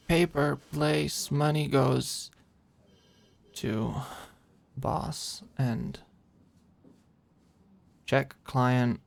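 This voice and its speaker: Playing a flirty, overworked office manager for intimate ASMR roleplay, this performer of unclear sex speaks in a halting, teasing murmur. The voice has a medium pitch and a creaky quality, with no echo.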